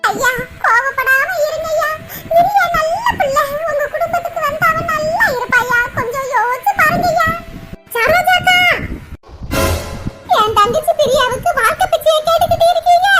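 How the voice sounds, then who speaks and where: A woman's voice: extremely high pitch, normal speed, sharp tone, soft background music, rough recording. A woman voicing a pleading, tearful young elder sister in a cartoon, wailing and emotional. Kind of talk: cartoon voice acting.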